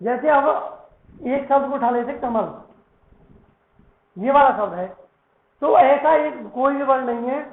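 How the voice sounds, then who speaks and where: A man's voice: very high voice, unhurried, pauses often. A male Sanskrit teacher giving a lesson, who keeps asking questions and answering them himself, and repeats words to drill their pronunciation. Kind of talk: classroom lesson. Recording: echoey room, tinny phone-like sound.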